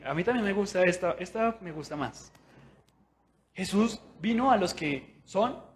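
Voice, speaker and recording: A young man preaching a sermon in a church, chatty and animated, asking his listeners questions and acting out what people think. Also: on the high side, a little hiss or hum. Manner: conversational, with tag questions; animated, acts out inner voices.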